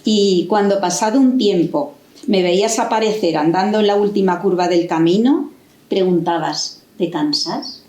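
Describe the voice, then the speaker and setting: An actress playing a novelist's affectionate wife, reminiscing in a playful, teasing way. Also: female voice, mid-range voice, moderate pace, dark tone, lightly acted. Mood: teasing, fond. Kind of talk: staged reading in a stage tribute. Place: university auditorium. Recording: roomy hall echo.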